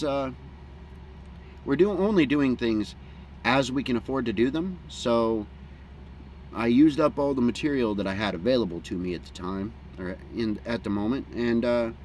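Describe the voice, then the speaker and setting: A man's voice: mid-range voice, a little mellow. Folksy American pipe-smoking man, noisy outdoor recording. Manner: unhurried, folksy, plain-spoken; talking with a pipe in his mouth between puffs. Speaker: vlogger. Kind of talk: casual rambling outdoor chat. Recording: clear background noise, outdoor hum.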